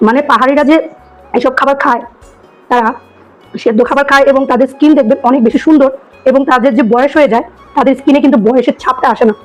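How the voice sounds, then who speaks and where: A hoarse woman with a cold, chatting enthusiastically as she tastes food for her vlog. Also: high-pitched, steady tone, quick pace, pauses often, faint music behind, low-quality recording. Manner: chatty, enthusiastic, repeats herself. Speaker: food vlogger. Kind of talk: casual food-tasting vlog.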